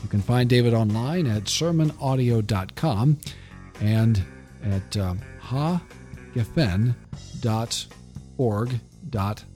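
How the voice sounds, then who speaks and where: A man hosting a podcast interview, speaking in a measured way with some hesitations. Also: medium pitch, animated, warm tone, faint music behind. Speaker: podcast host.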